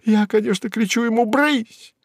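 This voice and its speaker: A man's voice: normal speed, no room sound, clean studio sound. A man voicing a young, pretty female secretary who is hysterical and weeping, her voice a little nasal from crying. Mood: agitated. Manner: shrill, frantic exclamations. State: sobbing.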